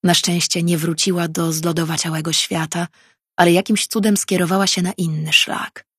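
Woman, audiobook narrator, fantasy story, measured reading, husky, dry sound. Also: lowish voice, flat delivery, fairly bright tone, no room sound.

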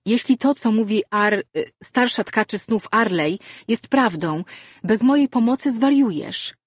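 Teen boy apprentice, urgent and loyal, read by a woman, husky, dry close sound. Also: fairly high pitch, expressive, unhurried, dry recording, pitched above the performer's own voice. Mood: pleading. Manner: urgent, pleading. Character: anxious eager teenage boy apprentice.

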